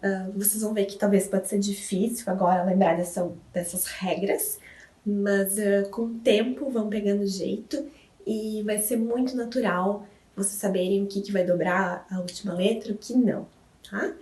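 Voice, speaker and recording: A woman's voice: mid-range voice, steady tone, moderate pace, warm tone. A woman with a Brazilian Portuguese accent explaining English grammar as a teacher, patient and checking in with tag questions. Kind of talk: classroom explanation. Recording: echoey room, mic at a distance.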